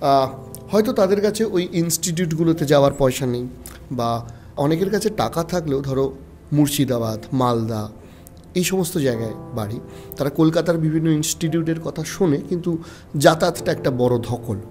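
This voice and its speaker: A man hosting a podcast interview, asking measured questions with a Bengali accent and affirming his guest often. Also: a little high, a little mellow, soft background music. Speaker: podcast host.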